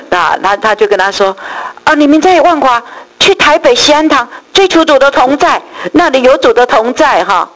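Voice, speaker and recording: A middle-aged woman, giving a lively church testimony and storytelling. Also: sits high, low-quality recording. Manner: lively storytelling, acts out quoted voices, many drawn-out particles.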